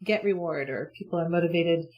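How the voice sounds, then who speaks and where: A woman on the low side of the pitch range talks briskly as an interview guest, hopeful and sincere on the subject of communication. She's chatty and keeps restarting, and the recording sounds muffled.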